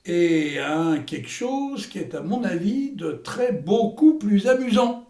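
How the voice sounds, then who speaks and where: Male actor as boastful old veteran, hammy stage delivery, creaky and fairly high-pitched, echoey room. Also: lively intonation, a little slow, darkish tone. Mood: grandly enthusiastic. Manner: hammy, theatrical stage delivery with florid slang. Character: Hector, boastful old war veteran and amateur playwright. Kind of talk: theatrical comedy acting.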